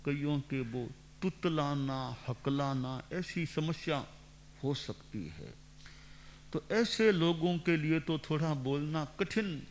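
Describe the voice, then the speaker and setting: A man in his sixties, a monk giving a measured, didactic sermon into a microphone and repeating phrases for emphasis. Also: fairly high pitch, a little hiss or hum. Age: 60s. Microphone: speaking into a microphone.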